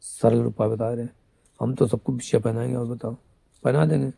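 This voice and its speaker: In a dry recording, a man acting as a spiritual guide rambles through a devotional talk, chiding and ridiculing listeners and describing himself as the goddess's female companion. His medium-pitched voice is gravelly, mellow, and husky, fairly quick with fairly even intonation.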